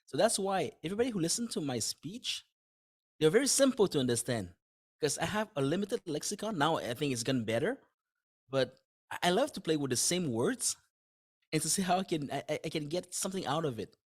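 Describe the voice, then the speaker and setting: A husky, fairly high voice, very animated and a little quick, belongs to a podcast guest who is a dentist and author with French as his first language. He speaks casually and simply, thinks aloud, frequently restarts what he's saying, and laughs lightly.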